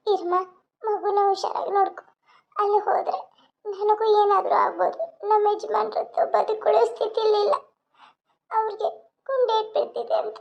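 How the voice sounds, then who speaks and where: A woman's voice: very high-pitched, creaky. A woman voicing a tearful young police mother. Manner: tearful, pleading, tender. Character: young mother, police officer, anxious and loving. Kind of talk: cartoon voice acting. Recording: dull lo-fi sound.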